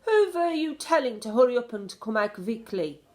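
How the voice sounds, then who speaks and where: A woman's voice: fairly high pitch, very animated, normal speed, a little mellow, voice pushed up. A woman reading a children's storybook, voicing an imperious, villainous witch who snaps out haughty commands. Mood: sharp, demanding.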